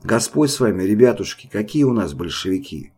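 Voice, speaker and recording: Guy doing an old village woman begging softly, dark husky tone. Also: on the low side, very animated, brisk, heavily acted. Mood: pleading. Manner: timid, pleading. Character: frightened old peasant woman, pleading.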